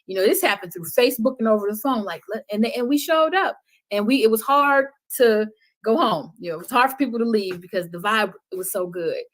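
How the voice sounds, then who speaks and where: A woman's voice: a little high, a little fast. A woman guest on a podcast, talking with emphatic, sermon-like repetition about love and healing. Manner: emphatic, preaching cadence, repeats phrases for weight. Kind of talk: impassioned conversational testimony.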